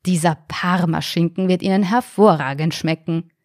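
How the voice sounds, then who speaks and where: A woman's voice: fairly low pitch, moderate pace, darkish tone, no echo, studio quality, close to an everyday voice. A woman voicing a condescending, overly polite male robot shop assistant in a story podcast. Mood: smugly polite.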